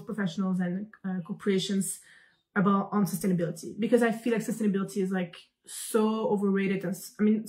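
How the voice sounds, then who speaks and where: Chatty young woman from Belgium. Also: medium pitch. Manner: animated and talkative, with many fillers and restarts. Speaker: guest, founder. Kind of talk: video call interview. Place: room at home.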